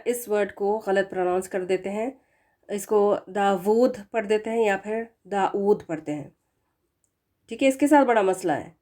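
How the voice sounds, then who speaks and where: A woman teaching Quran pronunciation, drawing out each example sound slowly and explaining common mistakes. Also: medium pitch, darkish tone. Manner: slow, drawn-out demonstration of sounds. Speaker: tajweed teacher.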